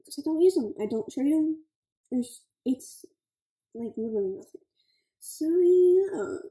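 A woman's voice: high voice, expressive, normal speed, dark tone, echoey room, rough recording. A young woman, giving chatty, scattered gameplay commentary full of "like" and "okay" as a gaming channel host.

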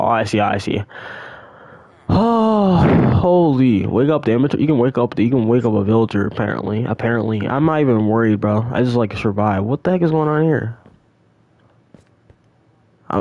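Excitable young man narrating his game. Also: mid-range voice, no room sound. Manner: excitable, rambling, repeats exclamations. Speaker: gaming channel host. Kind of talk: casual gameplay commentary.

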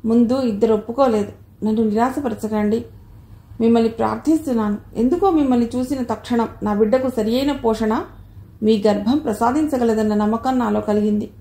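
A woman's voice: fairly high pitch, brisk, warm tone, lightly acted. A woman reading aloud voices an earnest, imploring childless young wife in a story. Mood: pleading. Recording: roomy echo.

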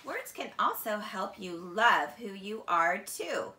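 A middle-aged female teacher reads a children's picture book aloud, unhurried and expressive, her slightly low voice crisp and bright. Seated on a couch in a small indoor room, she tells the story slowly and deliberately, captured by a camera a few feet away in an echoey, roomy space with slight background noise.

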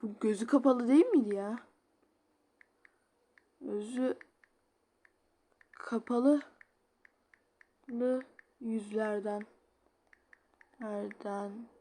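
Giggly, slow-talking woman gamer. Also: mid-range voice, mellow. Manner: giggly, reads chat aloud. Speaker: game streamer. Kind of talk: casual gameplay commentary.

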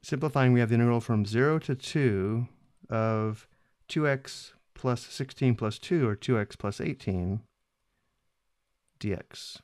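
A man explaining a math problem step by step in a screencast lesson, steady and methodical. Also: mid-range voice, measured pace, no room sound, studio quality. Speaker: math instructor.

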